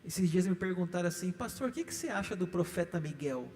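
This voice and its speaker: A man's voice: high voice, animated, quick pace, darkish tone, slight background noise. A middle-aged male pastor with a Brazilian Portuguese accent, preaching emphatically in a church, stressing points with rising repeated lists. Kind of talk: sermon teaching. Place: church hall. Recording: echoey church hall.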